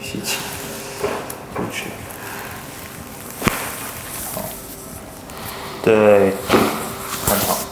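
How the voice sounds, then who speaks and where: A man's voice: fairly low pitch, level tone, drawn-out words. A man working as a chiropractor, explaining and giving instructions, switching between English and Chinese. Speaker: chiropractor and presenter. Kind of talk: explaining and instructing during a treatment. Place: indoor chiropractic clinic. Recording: echoey, noisy clinic room.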